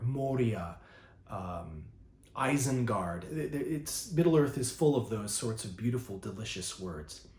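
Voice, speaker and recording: A man, a poet, giving an informal spoken lesson on writing verse. He talks in a thoughtful way, savors words he likes, and fills pauses with frequent ums and uhs. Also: medium pitch, a little mellow, roomy sound. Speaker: poet teaching a master class.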